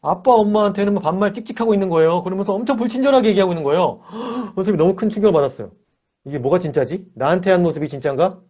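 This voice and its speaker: Lively, fairly high-voiced church teacher man. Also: rapid-fire. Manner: lively, acts out dialogues with children. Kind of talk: character-training lesson for children and parents. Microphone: video call.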